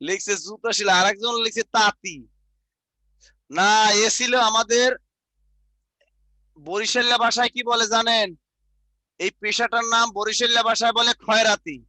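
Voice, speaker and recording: Guy with barishal accent teaching online, repeats stuff to write down, high bright voice, dry close mic. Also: fairly even intonation, normal speed, long pauses, no room sound, low-quality recording. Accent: Barishal Bengali. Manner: repetitive dictation, chatty asides. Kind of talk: online exam-prep lecture.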